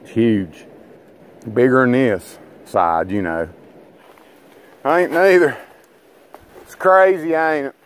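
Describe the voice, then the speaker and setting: His voice sits on the high side and sounds smooth as this fishing vlogger chats to viewers from a rocky riverbank. He rambles in a homespun manner, calling them guys and boys, all captured on a body-worn action cam.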